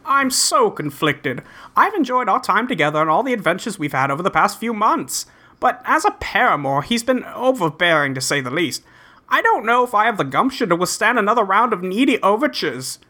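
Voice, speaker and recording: Here the earnest young gentleman adventurer of a comic script reading sounds conflicted yet earnest, still polite and folksy. He delivers his old-fashioned, wordy lines fairly quickly, with a bright, forceful voice and very lively pitch swings.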